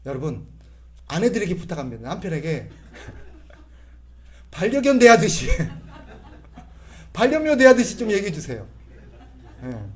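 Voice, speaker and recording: A man's voice: high-pitched, very animated, measured pace, pauses often. A middle-aged male pastor giving a humorous sermon, imitating voices and having the congregation repeat phrases after him.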